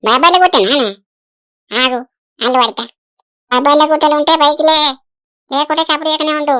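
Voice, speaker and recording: A woman's voice: high voice, steady tone, fairly quick, pushed and bright, no echo, studio quality. A woman voicing a bossy, boastful village diviner in a cartoon, speaking with a Telangana Telugu accent.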